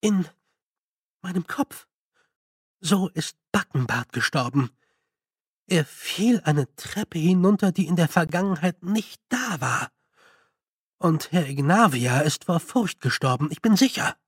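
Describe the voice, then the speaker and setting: A man's voice: fairly high pitch, animated, unhurried, long pauses, breathy edge, no echo, clean studio sound. A man voicing a frantic young male con man, agitated and breathless. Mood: rattled. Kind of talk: audiobook character voice.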